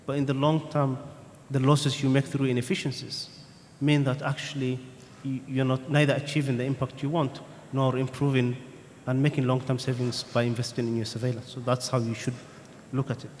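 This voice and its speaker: A man on a conference panel answering audience questions in a measured, thoughtful way, pausing with "um" between points. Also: medium pitch, little pitch movement, darkish tone. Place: conference hall. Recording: reverberant conference hall, faint room noise.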